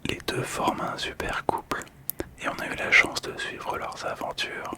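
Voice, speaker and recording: An ASMR video host, a man, whispers breathily as he describes a card, gentle and soothing, pausing now and then. He sits close to an ASMR microphone that is monitored on headphones.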